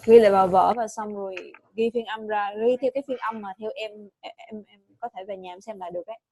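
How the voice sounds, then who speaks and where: A woman's voice: medium pitch, steady tone, dark tone, slight background noise. Patient Vietnamese woman teaching pronunciation. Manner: patient, repeats and corrects, models English words slowly. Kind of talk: online pronunciation lesson.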